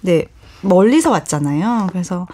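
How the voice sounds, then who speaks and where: A woman novelist speaking as a radio guest in a studio, retelling a story in a thoughtful, gently earnest way. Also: lowish voice, expressive, normal speed. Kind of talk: relaxed radio book talk. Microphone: studio microphone.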